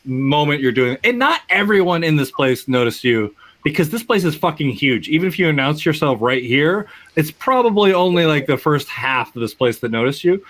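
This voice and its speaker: A man's voice: fairly high pitch, fairly bright tone. A man running a tabletop game as game master, narrating and ruling in casual speech.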